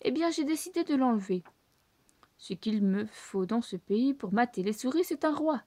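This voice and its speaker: A woman's voice: fairly high pitch, lively intonation, normal speed, warm tone, no room sound. A woman voicing a scheming male rat villain who thinks himself king, with a grandiose, boastful manner, in a storybook reading. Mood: gloating.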